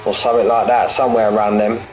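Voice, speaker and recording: A man in his forties talks fast in a lowish, level, darkish voice, with slight background noise. He's a sim racing commentator and streamer delivering live race commentary mixed with banter with chat, chatty and jokey, repeating phrases between the action.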